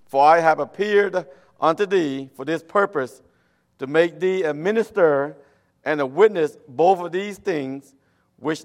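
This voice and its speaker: A man from Cambodia, a native Khmer speaker, preaching a church sermon in halting English with a Cambodian accent. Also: a little high. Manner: halting, with nonstandard English phrasing. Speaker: missionary guest preacher.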